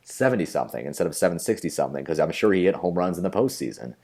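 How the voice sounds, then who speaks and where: A man's voice: deep voice, lively intonation, rapid-fire, warm tone. A young man co-hosting a podcast, chatting eagerly about baseball with lots of fillers. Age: young adult. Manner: enthusiastic, rambling baseball talk with many fillers. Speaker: podcast co-host. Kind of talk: casual chat.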